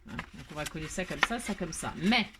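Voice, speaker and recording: A woman's voice: low voice, lively intonation, fairly quick, background noise. A woman hosting a crafting tutorial, talking casually step by step, self-mocking and checking in with the viewer often. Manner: chatty, self-mocking, asks "hein?" and "d'accord?" often.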